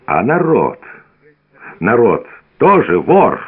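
A man reading a furious, hoarse rich peasant who shouts at the villagers, in a tinny radio recording. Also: medium pitch, huge pitch swings, slow pace, pitched above the performer's own voice, heavily acted.

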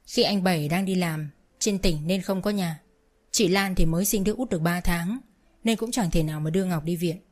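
A woman narrating a story with a steady, plain reading. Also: fairly low pitch, brisk.

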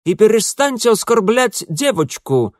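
A man's voice: sits high, big pitch swings, measured pace, a little mellow, no room sound, clean studio sound, voice pushed up. A man voicing a stern young governess with a light German accent, indignant and commanding.

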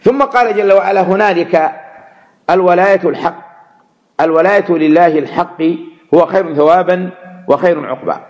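A man teaching Quran commentary, measured and repeating words to stress them. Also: high voice, lo-fi sound. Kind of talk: religious lesson explaining verses.

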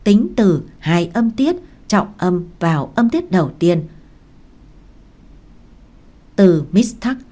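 A woman's voice: fairly low pitch, sing-song, a little slow, warm tone. A woman reading a composed young male tutor. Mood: instructive.

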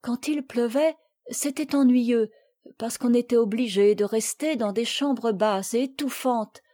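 A woman reading the part of a little girl who sadly recounts a shipwreck, in a gentle, measured voice. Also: fairly high pitch, natural voice. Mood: sad, earnest. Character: little girl recalling a shipwreck, sad and earnest. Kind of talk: audiobook reading.

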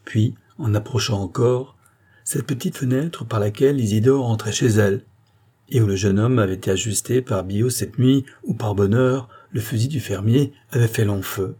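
A man reading a classic novel aloud in measured, scripted narration. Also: lowish voice, dark tone, breathy edge. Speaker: audiobook reader.

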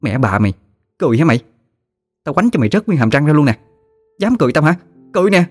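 A man's voice: medium pitch, sing-song, fast, darkish tone, no echo, clean studio sound, pitched above the performer's own voice. A man voicing a hot-tempered young woman who scolds shrilly. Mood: furious scolding. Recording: faint music behind.

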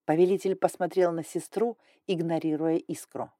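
A woman narrates a fantasy novel in a mellow, low-set voice. Her reading is even and measured, recorded close and dry with no room sound. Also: no room sound. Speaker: audiobook narrator. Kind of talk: scripted narration.

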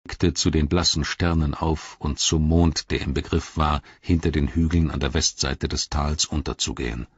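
A man with a very deep, husky voice narrates an audiobook in a measured, dramatic way. The recording is dry and a little dull, like lo-fi audio. His reading stays steady and deliberate. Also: dry recording.

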